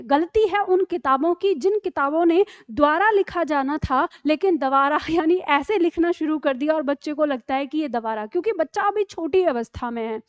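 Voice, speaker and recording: A woman's voice: high-pitched, no echo, dull audio. A woman teacher giving an online Hindi grammar lesson, explaining step by step and often checking that students follow.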